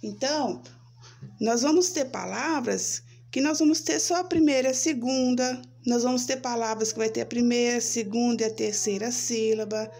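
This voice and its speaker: A Brazilian woman teaching young children, speaking slowly and sounding out syllables, checking in with "né?" and "certo?". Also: fairly high pitch, creaky, a little mellow. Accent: Brazilian Portuguese. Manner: slow, spelling out syllables, frequent "né?" and "certo?". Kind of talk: children's lesson, slow and sing-song.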